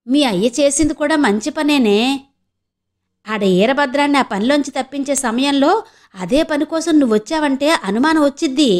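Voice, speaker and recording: A woman's voice: high voice, moderate pace, voice pushed up, natural voice. A woman voicing a shrewd, bold village woman who scolds and schemes in rustic speech. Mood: scheming.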